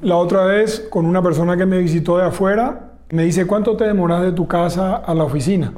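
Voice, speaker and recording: A man's voice: high voice, a little fast, a little mellow. A man, a telecom executive in a business interview, laying out his points one by one. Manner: explains point by point, enumerating pillars.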